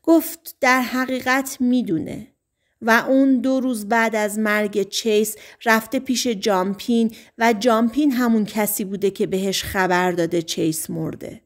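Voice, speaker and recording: A woman's voice: a little high, steady tone, natural voice. A woman voicing an eager male small-town deputy in an audiobook, dropping her voice to report what he has heard.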